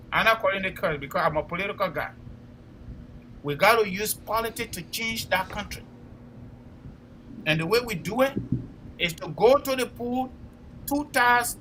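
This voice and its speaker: In a low-quality recording with faint hiss or hum, a high-pitched, sharp-toned man speaks with a Liberian accent. As co-host of a political talk show, he offers fervent political commentary, hammering his points home with emphatic repetition aimed at his listeners.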